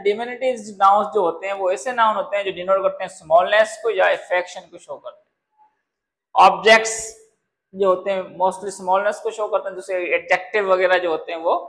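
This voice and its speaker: High-voiced male grammar teacher. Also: normal speed, a bit bright. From Pakistan. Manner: patient, repeatedly asks if students understand; calls students "beta", explains with word examples. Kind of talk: classroom grammar lesson.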